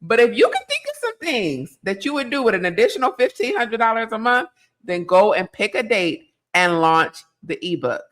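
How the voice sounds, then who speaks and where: A woman talking in a relaxed interview, coaching with a firm, direct push. She drops casual slang and keeps pressing for an answer. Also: fairly high pitch, normal speed. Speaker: guest business coach.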